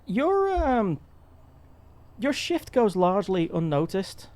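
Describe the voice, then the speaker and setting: A man's voice: high-pitched, sing-song, darkish tone. A man narrating and joking as game master of a tabletop role-playing game. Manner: playful, jokey, quick asides.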